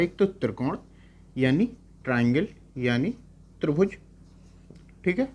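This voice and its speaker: A man's voice: fairly high pitch, a little mellow, breathy edge. A male math teacher giving a lecture in Hindi mixed with English terms. He keeps asking short checking questions and repeats each key term. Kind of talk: classroom-style lecture.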